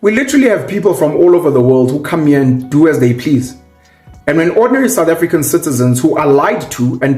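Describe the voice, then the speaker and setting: A man's voice: a little high, a little mellow. A man speaking in an impassioned way, listing grievances. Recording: echoey room with faint music.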